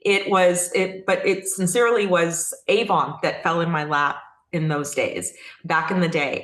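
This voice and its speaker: A fairly low but fairly bright voice belongs to this middle-aged woman from Texas, a company founder interviewed as a guest. She tells her stories casually, with effusive earnestness. The audio has an echoey room quality.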